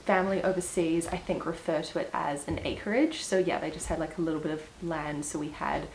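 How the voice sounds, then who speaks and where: A young woman with a New Zealand accent talks straight to camera from home, chatty and upbeat with little laughs between thoughts. Her voice sits a little low for a woman. A faint hiss runs under the small clip-on mic. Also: steady tone, brisk, a little mellow, low-quality recording. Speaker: vlogger. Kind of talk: casual get-to-know-me vlog. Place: indoors at home, seated.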